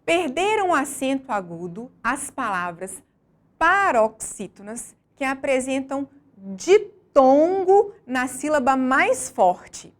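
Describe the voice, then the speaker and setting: A woman with a slightly high voice narrates a scripted lesson. She speaks slowly and deliberately and leans hard on each stressed syllable. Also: big pitch swings. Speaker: teacher.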